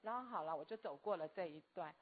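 A woman, telling a personal story earnestly and haltingly as a guest. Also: sits low, breathy edge. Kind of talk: personal testimony. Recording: tinny phone-like audio.

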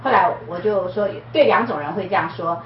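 An older woman, married for decades, telling a story to a group in an animated way with laughter. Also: fairly low pitch, a little fast, very noisy. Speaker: wife in a group talk. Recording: far, echoey, lo-fi among a crowd.

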